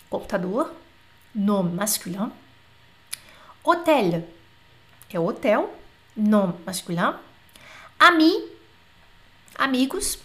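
A woman teaching French in a live online class, chatty, asking questions and dictating words slowly. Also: medium pitch, fairly bright tone. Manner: slow, drawn-out dictation of example words.

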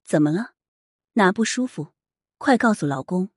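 A woman voicing a caring husband who talks softly and soothingly in a read-aloud story, in a husky voice. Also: medium pitch, expressive, normal speed, dry recording, clean studio sound. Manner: soft, soothing. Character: caring young husband, gentle and worried.

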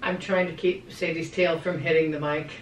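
Woman co-host, low-pitched and slow, heard off-mic in a roomy space. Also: fairly even intonation. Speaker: podcast co-host. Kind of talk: casual chat. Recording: roomy echo, distant mic.

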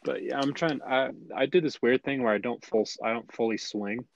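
A man's voice: mid-range voice, normal speed, vocal fry, no room sound, highs cut off. A man co-hosting a podcast in casual chat, often stumbling and repeating words as he starts a sentence. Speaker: podcast co-host.

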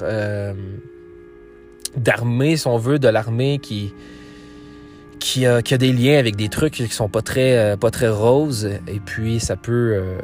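Rambling through the casual outro of his solo podcast, this Quebec French host speaks in a mid-range, darkish voice. His talk is full of fillers and false starts.

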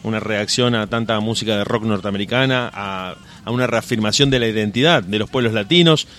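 A man's voice: fairly low pitch, a little fast, a bit bright. A man hosting a radio show, speaking in long, flowing, friendly sentences as he wraps up an interview. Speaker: radio host.

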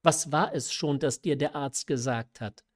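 A man's voice: fairly high pitch, unhurried. A man reading aloud who voices a stern, reproachful aristocratic mother in a classic story. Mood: agitated. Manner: reproachful, agitated. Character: stern aristocratic mother, middle-aged woman. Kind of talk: audiobook reading of a classic novella.

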